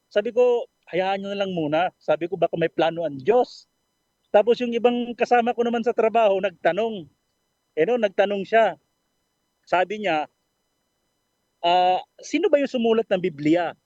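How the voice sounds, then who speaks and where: An earnest man sharing his faith story on a radio program, polite and full of fillers and restarts. His voice sits high for a man, and the dry, dull recording sounds muffled. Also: normal speed, long pauses, darkish tone, no echo. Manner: earnest, polite, with frequent fillers and self-corrections. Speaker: caller sharing a testimony.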